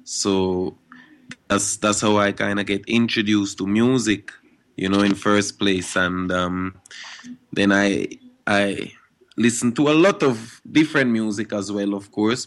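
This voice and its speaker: Young male reggae artist, low voice, relaxed interview talk full of verbal tags. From Guadeloupe and Switzerland. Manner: laid-back, frequent "you know" and "you understand" tags.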